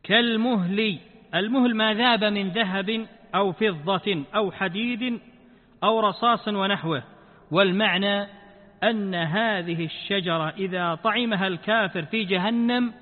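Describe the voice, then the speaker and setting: A man teaching a Quran commentary lesson. He addresses his listeners as brothers, poses rhetorical questions and answers them, and slows down when quoting verses. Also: sits high. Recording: tinny lo-fi audio with long hall reverb.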